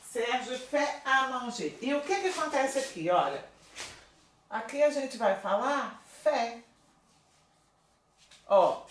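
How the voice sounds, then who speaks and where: Lively woman teaching slow, in a roomy echo. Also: fairly high pitch, distant mic, slight background noise. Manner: slow, drawn-out model pronunciations with lively coaching asides; frequent tag questions to viewers. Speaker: French teacher. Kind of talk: online language lesson. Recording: roomy echo, voice a bit off-mic.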